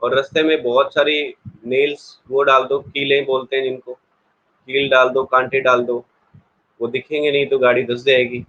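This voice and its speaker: A man's voice: mid-range voice, level tone, moderate pace, a bit bright, muffled recording. A man teaching an online exam-prep English class in a chatty way, explaining with everyday examples and talking straight to his students.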